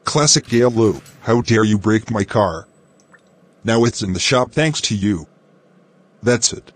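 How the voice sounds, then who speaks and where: A man's voice: lowish voice, animated, unhurried. A man's synthetic voice playing an angry father who scolds his son.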